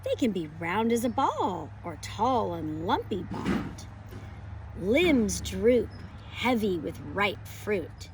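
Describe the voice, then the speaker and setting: A homeschool teacher hosts a children's picture book read-aloud and lesson for young children, speaking slowly. Her emphatic, storybook-like delivery has lively, moving pitch, with faint ambient noise behind her.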